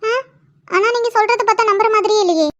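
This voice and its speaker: Woman voicing a shy girl student, very high. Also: quick pace, a bit bright. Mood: playful. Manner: bashful, sulky. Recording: dull lo-fi sound.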